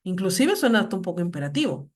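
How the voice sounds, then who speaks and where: A woman's voice: lowish voice, very animated. Woman teaching, stressing each example word. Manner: slow, stressed reading of example words. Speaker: lecturer. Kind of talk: online grammar lesson.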